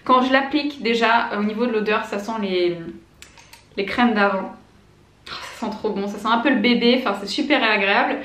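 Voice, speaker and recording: A beauty vlogger in her late twenties chats enthusiastically to camera in a casual product review, with lots of fillers and restarts. Her voice is on the high side and a bit bright, she talks a little fast, and the sound is reverberant.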